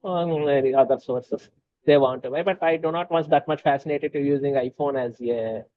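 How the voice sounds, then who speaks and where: A Telugu-speaking man with a fairly high voice is a guest in a casual conversation, talking haltingly with many fillers and restarts. The recording is dry and has a dull, lo-fi sound.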